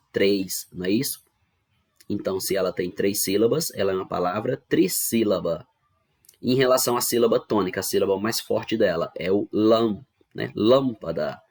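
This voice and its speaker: Low husky-voiced male teacher. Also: a little mellow. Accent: Brazilian Portuguese. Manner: patient, explaining step by step with frequent check-ins. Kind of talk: online classroom lesson. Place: home recording for online class.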